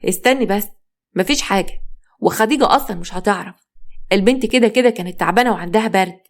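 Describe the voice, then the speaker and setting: A woman's voice: medium pitch, fast talker, natural voice. A woman reading a sweet-talking Egyptian husband. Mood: coaxing. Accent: Egyptian Arabic. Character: scheming husband, smooth-talking man.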